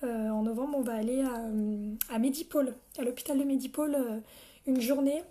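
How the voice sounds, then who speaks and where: Young woman with a high voice hosting a casual live makeup demo, chatty with her viewers. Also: steady tone, a little fast, warm tone. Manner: chatty, addresses viewers by name, frequent coughs. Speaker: makeup seller training her team.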